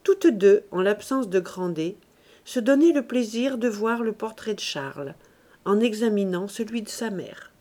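A woman narrating a classic novel in a measured, expressive audiobook reading. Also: mid-range voice.

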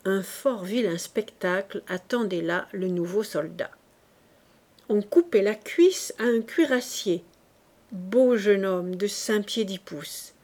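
Reading a classic novel for an audiobook, a woman with a medium-pitched voice tells the story in a measured, even way.

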